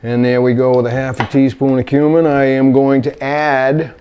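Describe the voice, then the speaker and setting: A man hosting a cooking video, talking through a recipe in his kitchen in a halting, meandering way. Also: medium pitch, little pitch movement, a little mellow, clear, resonant tone, dull audio. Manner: halting, meandering, searches for words. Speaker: cooking show host demonstrating recipes. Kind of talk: unscripted cooking demonstration. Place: home kitchen indoors.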